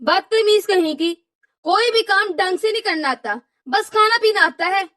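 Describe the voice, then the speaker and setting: Shrill bossy old mother-in-law, cartoon, very high voice, dry close sound. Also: lively intonation, a bit bright, no echo. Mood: scolding. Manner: shrill scolding, drawn-out wails. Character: nagging older mother-in-law with a headache, bossy. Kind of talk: cartoon voice acting.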